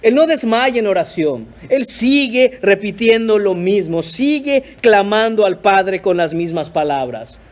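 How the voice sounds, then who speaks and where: High-voiced man preaching earnestly. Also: animated, a little slow, hardly any pauses. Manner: earnest, emphatic preaching, addresses listeners as brothers. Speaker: pastor. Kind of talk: sermon. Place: church.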